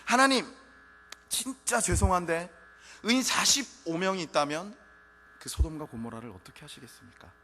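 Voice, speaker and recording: A man's voice: high-pitched, animated, moderate pace, pushed and bright, slight background noise, voice pushed up. A man voicing Abraham as a pleading man who bargains humbly and apologetically in a retold dialogue. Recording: reverberant church hall, faint music.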